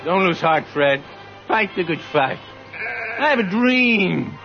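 A bossy Western gang leader in a radio comedy sketch. His voice sits high for a man and is grandly melodramatic. Music plays clearly behind the slightly dull recording. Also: lively intonation, slow, exaggerated voice. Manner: commanding, melodramatic.

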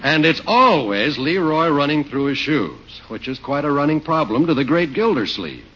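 A man's voice: a little high, sing-song, moderate pace. A man announcing in a scripted, old-time radio style, narrating for sponsor and comedy. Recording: muffled old radio recording, loud music.

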